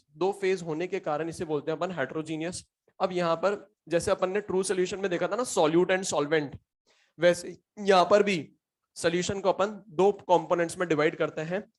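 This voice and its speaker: High-voiced male teacher, repeating key terms. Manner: asks and answers his own rhetorical questions; reads English definitions slowly, then explains in Hindi. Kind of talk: classroom lecture.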